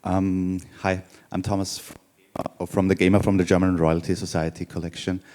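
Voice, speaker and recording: A man with a fairly low voice asks a question from the audience. He stumbles and corrects himself as he goes. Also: flat delivery, moderate pace, a little mellow. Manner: flustered, stumbling. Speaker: audience member asking a question.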